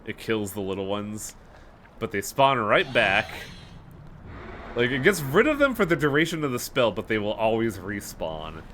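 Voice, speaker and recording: A man's voice: lowish voice, big pitch swings, normal speed, a bit bright, a little hiss or hum. A man giving casual, blunt, sweary commentary as he streams a game. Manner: profane, blunt.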